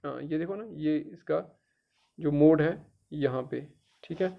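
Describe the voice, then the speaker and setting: On a dull, lo-fi recording, an unhurried teacher from Jammu and Kashmir guides students through an on-screen tutorial. He is middle-aged with a gravelly, slightly high voice, and he goes one step at a time, patiently repeating himself and asking "theek hai" to make sure everyone follows.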